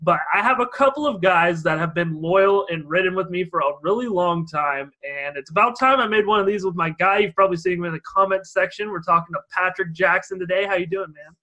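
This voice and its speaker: A man's voice: sits high, a little fast, few pauses, bright, forceful tone. A young man from Idaho hosting a casual podcast interview, asking loose, rambling questions full of fillers. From Idaho, USA. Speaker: podcast host.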